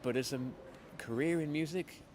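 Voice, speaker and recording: A man's voice: a little high, a little fast. A man chatting casually as an interview guest, self-deprecating and full of restarts. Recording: loud street and traffic noise.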